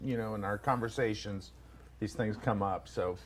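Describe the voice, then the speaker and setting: An American man in a casual chat, adding quiet, low-key asides. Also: moderate pace, a little hiss or hum. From United States.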